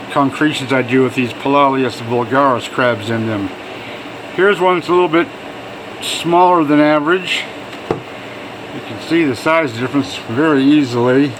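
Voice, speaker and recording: A man giving a casual hands-on demonstration, thinking aloud informally as he works, with machine noise behind him. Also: a little high. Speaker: fossil preparer showing own work. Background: machine hum.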